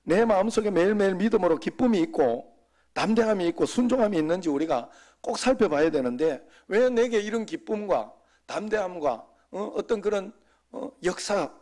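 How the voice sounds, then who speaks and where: A man's voice: high-pitched, darkish tone. A middle-aged male pastor giving a sermon in a folksy, conversational way, often slipping in quoted asides.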